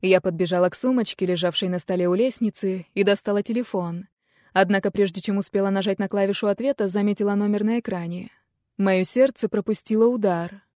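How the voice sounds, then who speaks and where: A woman reading a first-person novel aloud in a quiet, measured, intimate way. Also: medium pitch, fairly even intonation, no echo, studio quality. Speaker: audiobook narrator. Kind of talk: first-person audiobook narration.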